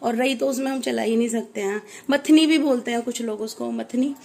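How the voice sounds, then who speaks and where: A woman in her thirties with a hoarse, sore throat, chatting casually through a home cooking vlog and often losing her thread. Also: fairly high pitch, fairly even intonation, fairly quick, a little mellow. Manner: chatty, loses her thread and corrects herself. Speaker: vlogger, mother. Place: at home indoors.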